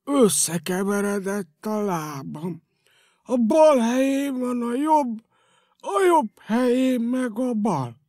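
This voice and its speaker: A man's voice: very high voice, very animated, dry recording, studio quality, voice pushed up, heavily acted. An actor voicing a chocolate-obsessed round male creature who mumbles, frets and snaps in anger. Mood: muddled. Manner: mumbling, huffy, easily startled.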